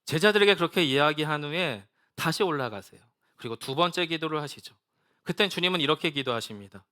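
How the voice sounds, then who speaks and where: A man preaching a sermon as pastor, dropping to a soft hush on key points and leading the congregation in reading scripture together. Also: a little high, expressive, a little fast. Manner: acts out Jesus' prayers in plain casual speech, then drops to a soft hush.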